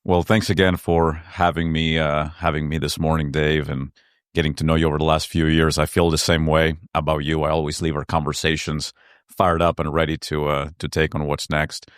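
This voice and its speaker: A man from Argentina, whose first language is Spanish, speaks with an extremely deep, smooth and resonant voice. He tells his story in an earnest, reflective way, and the sound is close and dry. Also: flat delivery, moderate pace, no room sound. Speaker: entrepreneur guest. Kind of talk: conversational interview.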